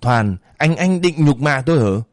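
A man's voice: medium pitch, expressive, moderate pace, dry recording, clean studio sound, voice pushed up, natural voice. A man reading a story voices a male soldier who presses hard with accusing questions. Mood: indignant. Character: accusing male army comrade, sneering and righteous.

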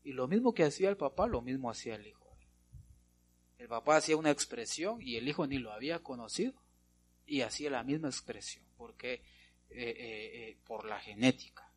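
A man's voice: mid-range voice, normal speed, breathy edge. A male pastor preaching a sermon, punctuating his points with repeated amens and rhetorical questions to the congregation.

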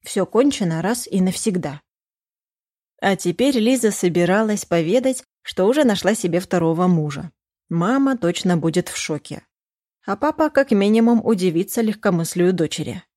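A woman narrating an audiobook in a steady reading voice, with the characters' dialogue read in that same voice. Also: on the low side, normal speed, no echo, studio quality. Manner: reads all characters in the same voice. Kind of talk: scripted narration.

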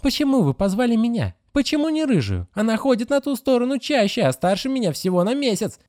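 A defiant teenage girl, as a male narrator puts her on, her voice raised high with lively swings in pitch. She answers back boldly and insolently. The sound is dry and close, like a home-made audiobook. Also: quick pace, no echo.

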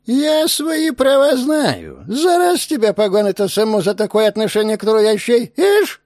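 A man's voice: extremely high pitch, wildly swooping pitch, moderate pace, a little mellow, no room sound, studio quality, pitched above the performer's own voice, full character voice. A man reading an audiobook, voicing a suspicious, half-deaf old woman who speaks in a wheedling near-whisper and snaps back sharply. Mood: defiant.

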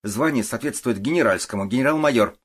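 A man's voice: medium pitch, animated, quick pace, breathy edge, voice pushed up. A man voicing a pushy, commanding woman with powerful connections who talks in an insistent, threatening way, in an audiobook.

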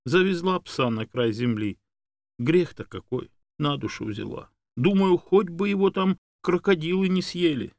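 A man voicing a fussing elderly woman who wails and dotes in a high sing-song. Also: animated, unhurried, creaky, darkish tone, no echo. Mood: grateful chatty.

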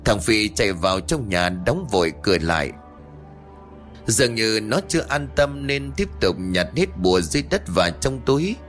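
A man's voice: lowish voice, very animated, moderate pace, fairly bright tone, faint music behind. A man narrating a horror ghost story in a dramatic storytelling manner.

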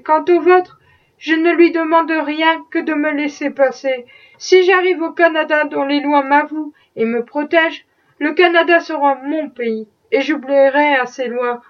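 A woman's voice: high-pitched, far from the mic, lo-fi sound. A woman reading as a desperate young fugitive man. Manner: impassioned, defiant pleading. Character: desperate young enslaved man fleeing to freedom.

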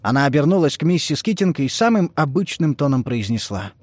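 Reading literary prose for an audiobook, a man speaks evenly and deliberately, his pitch a bit above the typical male range. The sound is close and dry, without any room sound.

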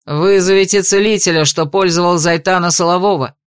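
A woman's voice: low voice, moderate pace, dry recording, clean studio sound, pitched below the performer's own voice, close to an everyday voice. Woman doing a growling stern male investigator. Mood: stern menacing. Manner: growling, commanding.

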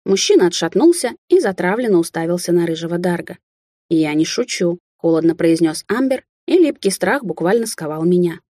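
Woman reading an audiobook, low dark husky voice, dry close sound. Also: sing-song, a little fast, hardly any pauses, no room sound. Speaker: audiobook narrator. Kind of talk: first-person audiobook narration.

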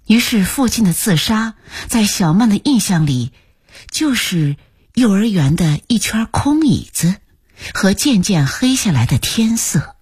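A woman reads a story aloud for radio, slow and unhurried, with a low, very breathy voice. Her pitch rises and falls widely, and she often drops to a near whisper. The sound is close and dry, with no room echo. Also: very animated. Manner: slow, hushed reading that often sinks to a whisper. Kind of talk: scripted narration for a radio story program.

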